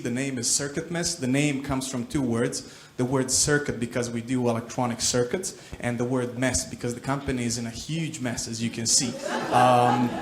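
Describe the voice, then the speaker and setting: A man's voice: mid-range voice, slight background noise. A man in his twenties from Croatia giving a casual, self-deprecating startup talk on a conference stage, full of fillers and jokes. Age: 20s. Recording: roomy hall with crowd.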